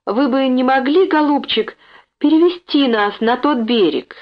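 A woman's voice: high-pitched, a little slow, pitched above the performer's own voice. A woman voicing a polite woman teacher and mother who pleads in a raised voice, in a dull lo-fi recording. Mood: pleading.

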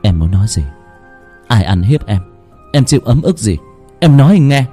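A man's voice: medium pitch, very animated, normal speed, mellow, breathy edge, faint music behind. A man voicing a protective young husband with a voice that surges when he is pressed, in a spoken ghost story. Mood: tender, worried.

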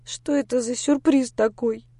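A woman voicing a distraught young woman who cries and shouts accusations at her partner. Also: on the high side, fairly even intonation, measured pace, no echo. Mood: timid. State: crying.

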